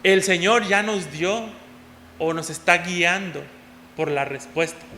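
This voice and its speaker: High-voiced preacher in an echoing hall. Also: male voice, takes it slowly, a little hiss or hum. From Mexico. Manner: preaching, often calling out "hermanos", swinging between loud and soft. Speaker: pastor. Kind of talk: sermon. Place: church hall. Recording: long hall reverb.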